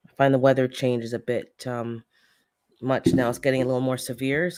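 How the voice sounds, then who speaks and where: Hosting her gardening channel's casual livestream, this woman talks briskly in an extremely low, level, slightly mellow voice that sounds a little congested. She is a chatty storyteller who laughs frequently and welcomes chat members by name.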